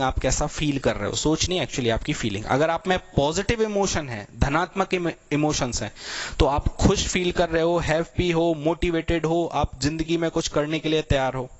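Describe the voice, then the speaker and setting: A young man teaching vocabulary to exam students, explaining step by step with everyday examples and a constant "okay" between points. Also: fairly high pitch. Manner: explanatory, repeats "thik hai" constantly, tells everyday examples.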